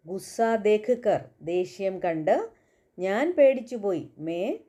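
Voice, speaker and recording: A woman whose first language is Malayalam teaches Hindi phrases at an unhurried pace. Her voice is soft and mellow, and she repeats every example with care. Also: medium pitch, sing-song. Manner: slow, careful repetition of example phrases. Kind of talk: spoken language lesson.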